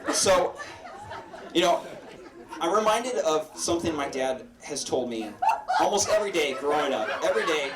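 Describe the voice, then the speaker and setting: A man performs stand-up in a club, his voice bouncing with lively pitch as he halts and restarts and picks on audience members. He is recorded from a distance in an echoey room. Loud audience laughter surrounds him. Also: a loud crowd, very noisy. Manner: halting, full of fillers and restarts; addresses audience members directly. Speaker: stand-up comedian. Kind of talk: stand-up comedy set. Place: comedy club stage with live audience.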